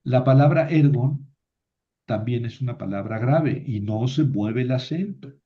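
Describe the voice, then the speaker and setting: A man teaching a grammar class in a medium-pitched voice. He patiently repeats each word form aloud and poses questions to his listeners before answering them himself. The recording sounds a little dull and lo-fi. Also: expressive, measured pace. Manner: patient, repeats declension forms aloud, asks rhetorical questions. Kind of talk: classroom lecture.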